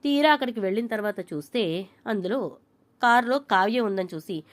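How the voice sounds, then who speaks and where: A woman's voice: medium pitch, fairly quick. A woman casually retelling a television serial's plot, narrating events and acting out the characters' lines in turn. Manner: lively, acts out dialogue in turn.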